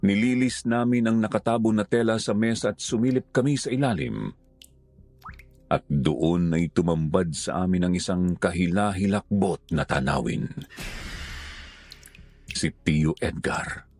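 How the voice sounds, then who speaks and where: Deep-voiced solemn male horror narrator. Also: no echo. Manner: slow, solemn, hushed delivery. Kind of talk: scripted horror story narration.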